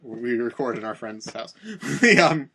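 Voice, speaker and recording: A young man with a mid-pitched, ordinary voice talks casually as a podcast co-host. He is chatty, throws in quick asides and fills pauses with filler words. He is recording at a friend's house. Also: animated, pushed and bright, husky. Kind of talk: casual chat.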